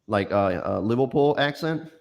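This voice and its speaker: A man's voice: mid-range voice, lively intonation, normal speed, vocal fry. A man from Thailand with a Thai accent, hosting a casual livestream chat and talking with many fillers and restarts. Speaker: livestream host.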